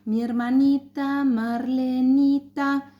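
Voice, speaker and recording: A woman voicing a magical bird, a murdered boy reborn, in a slow sing-song chant. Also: mid-range voice, expressive, dull audio, close to an everyday voice.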